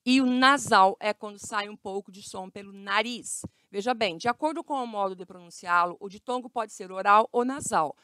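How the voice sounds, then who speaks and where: This Brazilian Portuguese–accented teacher has a medium-pitched voice that is bright, forceful, and smooth, recorded with no echo. Teaching children grammar, she draws out her words slowly and keeps checking in with them.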